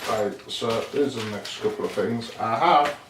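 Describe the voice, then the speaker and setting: With a voice on the low side and a slightly slow pace, this man walks through his DIY project as a vlogger, unscripted and casual. He wanders, reasons out loud and poses questions to himself, captured by a distant, roomy, noisy mic with clicks.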